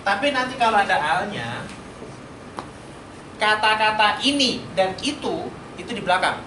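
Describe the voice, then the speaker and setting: In a mosque study room, a man teaching Arabic quizzes his students in a call-and-response classroom lesson, his voice high-pitched and sing-song at a measured pace. The roomy hall makes for a noisy recording.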